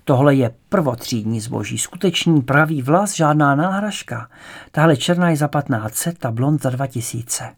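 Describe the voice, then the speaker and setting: A man's voice: medium pitch, expressive. A man voicing a suspicious, haughty, heavily made-up old woman with prim, formal politeness in an audiobook.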